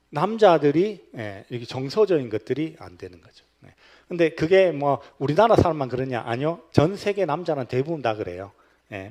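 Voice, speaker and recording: A male pastor with a Gyeongsang accent giving a humorous, animated lecture at a church retreat. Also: on the high side. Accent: Gyeongsang Korean. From Gyeongsang region, South Korea. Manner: animated and humorous, acting out quoted lines.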